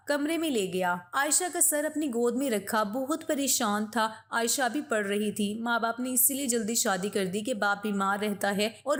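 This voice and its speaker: Female storyteller, slightly high voice, steady emotional narration. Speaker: voice-over narrator.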